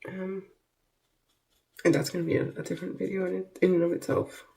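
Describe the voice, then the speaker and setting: A woman's voice: on the low side, little pitch movement, gravelly, warm tone, slightly rough. A woman talking casually and candidly to her own vlog, often stopping, restarting and interrupting herself as she thinks aloud. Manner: halting, self-interrupting, candid. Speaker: vlogger recording herself. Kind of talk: casual confessional vlog talk.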